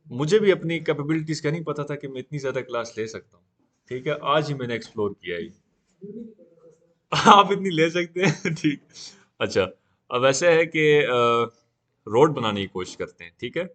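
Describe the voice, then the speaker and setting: A man teaching a live beginner class on 3D software, talking casually and often saying "okay" while he works. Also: on the high side. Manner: casual, repeats "theek hai" often. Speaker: 3D software instructor.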